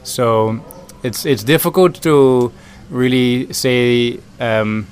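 A man's voice: mid-range voice, takes it slowly, clean tone. A man from the Netherlands, a food system consultant answering interview questions thoughtfully, with many ums and restarts.

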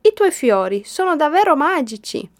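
A woman's voice: medium pitch, animated, measured pace. A woman voicing a sick young boy in a wheelchair who is skeptical at first and later overjoyed, in a storybook reading. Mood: excited.

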